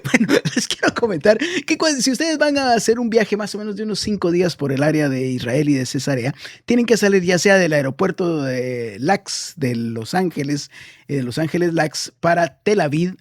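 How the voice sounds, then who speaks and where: A man's voice: fairly high pitch, animated, normal speed, no echo. Chatty male radio host, dry sound. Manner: chatty and meandering, many fillers and self-corrections. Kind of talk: casual radio talk about travel.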